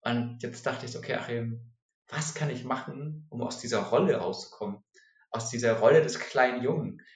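A man's voice: mid-range voice, moderate pace. A man talking candidly and searchingly about his feelings in a personal conversation. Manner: candid, searching, mimics others' voices. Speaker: guest sharing personal struggles. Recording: roomy echo.

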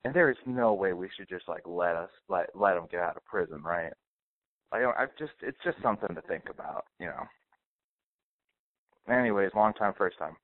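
A man leaving a rambling prank voicemail over a landline phone, halting and swearing casually. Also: sits low, dry recording. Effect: heard over a landline phone voicemail. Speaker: voicemail caller. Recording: tinny phone line, dry.

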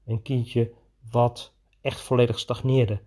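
A man who coaches children in his own practice, telling a podcast story in an enthusiastic, animated way. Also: mid-range voice, slow. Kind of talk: podcast monologue.

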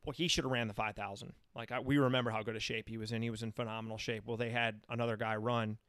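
A man's voice: lowish voice, little pitch movement, fast talker, a bit bright, smooth, no room sound, clean studio sound. An American man in his thirties talking casually and at length, telling anecdotes as an interview guest. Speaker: interview guest, running coach. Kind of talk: casual chat.

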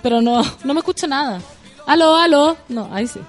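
Chilean woman radio host, high and brassy, loud slangy chat, faint music under. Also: expressive, fast talker. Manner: loud, playful, slangy, bursts into song. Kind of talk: casual chat, reading listener messages.

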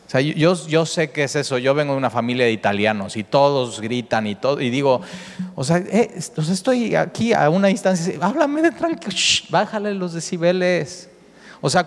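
A man preaching a sermon with animated delivery, often repeating words and rising in pitch for emphasis. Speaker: pastor. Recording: echoey hall with long reverb.

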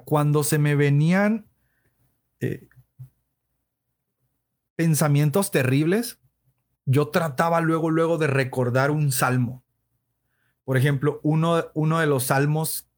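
Man, earnest testimony to livestream viewers, slightly higher voice, conversational. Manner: earnest and conversational, with frequent "entonces" and "¿no?" check-ins.

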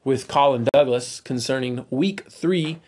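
A man hosts a casual church podcast in an easygoing, chatty way. He leans on ums and uhs as he talks. His voice sits at an ordinary middle pitch. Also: a little slow. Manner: relaxed, chatty, many fillers. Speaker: podcast host.

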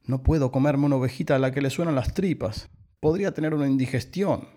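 A man's voice: medium pitch, quick pace, warm tone, pitched above the performer's own voice, natural voice. A man voicing a grumpy, hungry old male wolf who grumbles in exasperation. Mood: grumbling.

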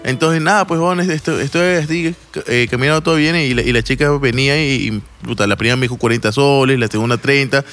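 A man's voice: mid-range voice, quick pace, few pauses, fairly bright tone, faint music behind. A man with a Lima Peruvian accent telling a long, rambling story in casual chat, full of slang, swearing and restarts. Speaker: podcast storyteller.

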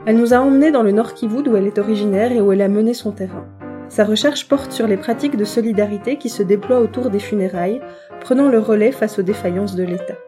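A woman co-hosting a podcast, reading a scripted introduction clearly and evenly. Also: mid-range voice, fast talker. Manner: clear, read-aloud delivery. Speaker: podcast co-host. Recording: guitar music underneath.

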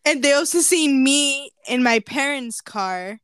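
A woman's voice: sits high, unhurried, no echo. A young woman hosting a podcast, telling embarrassing stories in casual chat with giggles. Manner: animated, giggly storytelling. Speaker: podcast host.

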